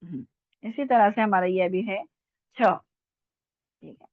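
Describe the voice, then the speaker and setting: A woman's voice: mid-range voice, no room sound. Patient woman teaching, tinny phone sound. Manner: patient, repeats sounds slowly, checks with "है ना?". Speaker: Urdu teacher. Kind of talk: online language lesson.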